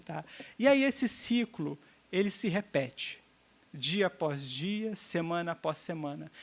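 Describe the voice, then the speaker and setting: A man's voice: fairly high pitch, lively intonation, takes it slowly, vocal fry. A man speaking as a seminar speaker to a room of educators, checking in with the audience often and acting out little dialogues. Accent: Brazilian Portuguese. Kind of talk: teaching seminar talk.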